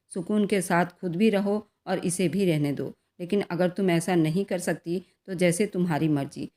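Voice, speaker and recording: A woman voicing a calm, stern middle-aged husband who speaks unhurriedly, in a storybook reading. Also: on the low side, natural voice. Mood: pleading. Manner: calm and unhurried even when threatening.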